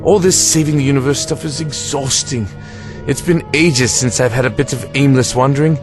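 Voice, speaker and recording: A man's voice: mid-range voice, normal speed, music in the background, close to an everyday voice. An actor in an audio drama playing the Doctor, a breezy, reassuring and carefree male time traveller. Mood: breezy, playful.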